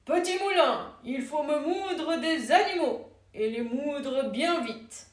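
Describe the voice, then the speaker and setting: A woman voicing a kind, generous poor woodcutter, calling out his lines loud and slow. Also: sits high, expressive, recorded from a distance. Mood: commanding. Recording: echoey room, voice off-mic.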